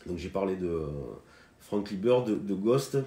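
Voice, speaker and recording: A man's voice: low voice, moderate pace, mellow. A man giving a casual live guitar lesson, talking in a hesitant way full of fillers and restarts, and greeting viewers by name. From France. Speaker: guitar teacher on a live stream. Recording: roomy sound with guitar playing.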